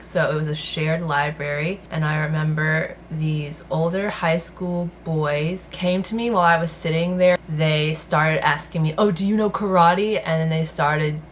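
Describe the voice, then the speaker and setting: A woman's voice: low-pitched, slight background noise. A young woman vlogger, born in China and raised in the American South, chatting casually about her life while doing her makeup. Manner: soft-spoken, personal storytelling while doing makeup. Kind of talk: casual get-ready-with-me chat.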